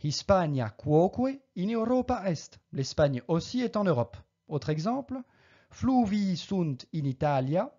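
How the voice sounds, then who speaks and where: A Latin teacher giving a recorded lesson, slowly modelling each Latin word's pronunciation and then explaining it. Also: mid-range voice, mellow, muffled recording.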